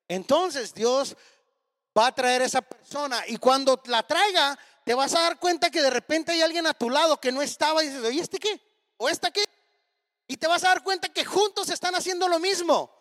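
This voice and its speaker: A man in his thirties preaches a storytelling sermon, animatedly acting out each bit of dialogue. His voice sits very high for a man. A long hall reverb trails behind every phrase. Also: normal speed, a bit bright. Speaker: pastor.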